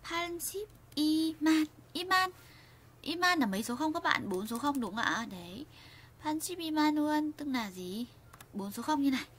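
A woman's voice: high voice, lively intonation, quick pace, fairly bright tone, slight background noise. A woman teaching a grammar lesson, often restarting phrases and asking her viewers questions. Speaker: Korean language teacher.

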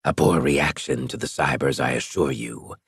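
For an audiobook, a man performs a cold, calculating alien strategist, using a scratchy, disguised voice that is clipped and condescending. His voice is a deep rumble, pushed down, creaky and breathy, and heavily acted at normal speed, recorded cleanly in a studio with no room sound.

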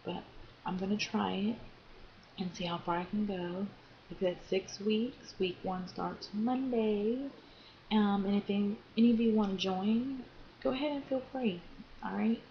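A young American woman records a casual video diary, speaking informally and haltingly with drawn-out pauses. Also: medium pitch. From Florida, United States. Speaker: vlogger. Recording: dull lo-fi sound, faint background noise.

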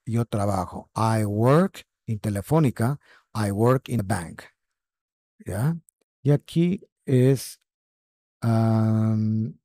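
A man teaches English to beginners. He speaks slowly and repeats each word several times. His voice is low, mellow and a little husky, recorded close and dry. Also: no room sound. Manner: slow, repeats words for drilling. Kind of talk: online English lesson.

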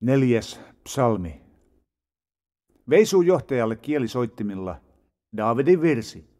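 A man reading psalms aloud in a solemn, measured way with dramatic rises and falls. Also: mid-range voice, sing-song, dark tone. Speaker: Bible reader. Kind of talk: scripted scripture reading.

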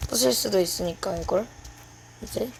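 A woman's voice: medium pitch, moderate pace, gravelly, slight background noise. A woman giving casual, playful commentary to herself while playing a video game. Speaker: gaming YouTuber.

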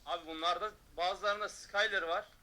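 A man streaming a shooter game, taunting opponents with loud mocking shouts and quick low asides to his chat. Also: fairly even intonation. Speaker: gaming streamer. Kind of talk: excited gameplay commentary.

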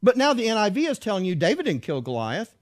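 A man with a high, very animated voice leads a teaching talk and runs through slides. He reads passages aloud with emphasis and keeps asking his listeners rhetorical questions. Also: quick pace. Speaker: Bible teacher.

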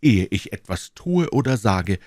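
A man's voice: lowish voice, sing-song, unhurried, a little mellow, no room sound, studio quality, pitched above the performer's own voice. A man voicing a bold, devoted young swordsman in an audiobook, eager and declamatory. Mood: ardent. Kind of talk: audiobook reading, acted dialogue.

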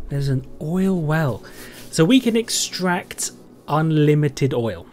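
A man's voice: on the high side, darkish tone. A man doing gameplay commentary, thinking aloud in a rambling way and asking himself questions. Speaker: game streamer, let's play host.

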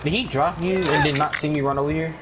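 A man chatting casually while playing a video game, reacting live with profane slang and excited repetition. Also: on the high side, fast, very noisy.

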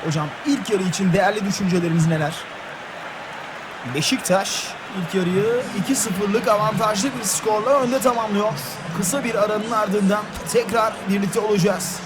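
A man's voice: high-pitched, steady tone, moderate pace, over music. A man doing live football play-by-play, naming players in short, clipped phrases. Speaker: football match commentator.

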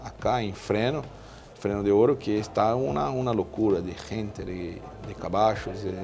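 A man with a Brazilian Portuguese accent answers an interviewer, his Spanish halting and full of fillers and restarts. His voice sits low and dark, recorded close on a lapel mic. A faint hum of ambience runs under him. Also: fairly even intonation, gravelly. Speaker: veterinarian in equine nutrition. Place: indoor exhibition stand.

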